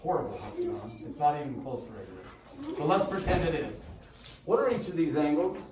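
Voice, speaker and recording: A man's voice: a little high, sing-song, fairly quick, crowd noise. A male math teacher giving a casual classroom lecture and checking in with the class often. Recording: echoey room, mic far off.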